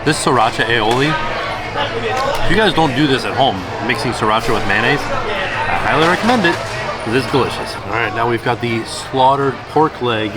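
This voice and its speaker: Behind this vlogger there's loud music and a bustling outdoor crowd. He talks at a moderate pace in a mid-range, animated voice, reviewing food and merch with casual enthusiasm.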